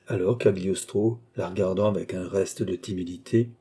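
A man narrating a classic novel as an audiobook in a steady, measured reading. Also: low-pitched, breathy edge.

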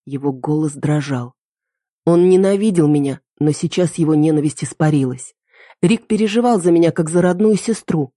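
A woman's voice: deep voice, normal speed, dark tone, dry recording, studio quality. A woman narrating a first-person story dramatically as an audiobook reader.

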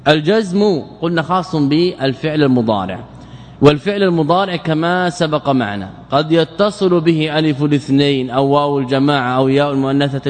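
A man giving a classroom grammar lesson, asking his students questions, answering them himself and repeating key phrases for emphasis. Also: medium pitch. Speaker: teacher of Arabic grammar. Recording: long reverb of a lecture hall.

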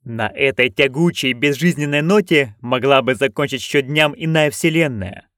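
A man narrating an audiobook in an expressive storytelling manner. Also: mid-range voice, moderate pace, no room sound, clean studio sound.

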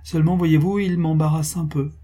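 A man's voice: a little high, fairly even intonation, fairly quick, dark tone, pitched above the performer's own voice, natural voice. A man reading aloud, voicing a good-natured, modest bachelor of thirty-eight with a hearty, self-deprecating manner.

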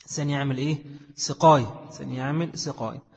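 A man's voice: mid-range voice, fairly even intonation, very fast, gravelly, darkish tone, long reverb tail. A man with an Egyptian Arabic accent teaching a class on Islamic jurisprudence. He keeps putting questions to his students and answering them himself. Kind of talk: classroom lecture on fiqh.

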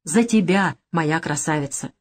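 A woman's voice: low voice, unhurried. A woman reading an audiobook, voicing a cocky, short-tempered male gangster boss with a brash, mocking manner. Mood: calm, smug. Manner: brash, mocking, flares into shouting.

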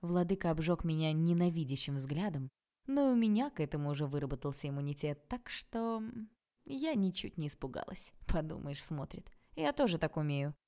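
A woman narrating a first-person novel in a lively, theatrical, ironic way. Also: low voice, normal speed. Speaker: audiobook narrator.

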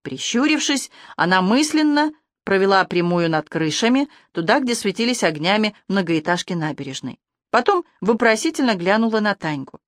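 A woman narrating a storybook audiobook in an even, measured way, recorded close to the mic. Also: mid-range voice, no room sound. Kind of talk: scripted narration.

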